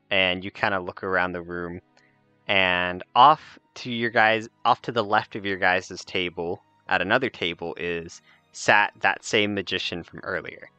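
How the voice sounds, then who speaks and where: A man's voice: on the low side, bright, forceful tone, smooth, dry recording, highs cut off. A man working as game master, improvising tabletop game narration in an informal, hesitant way.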